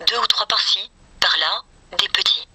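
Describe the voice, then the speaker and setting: A woman's voice: medium pitch, normal speed, sharp tone, slightly rough. A synthetic text-to-speech woman's voice reading a novel aloud in a mechanical, choppy way. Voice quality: synthetic, machine-generated. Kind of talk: scripted audiobook-style reading of a novel.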